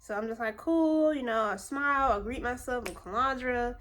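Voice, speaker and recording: A woman's voice: on the high side, a little fast, bright, forceful tone, slight background noise. A woman in her twenties from Virginia tells a story in a casual, rambling way, full of fillers and asides. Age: 20s. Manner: rambling and chatty, with many fillers. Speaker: vlogger.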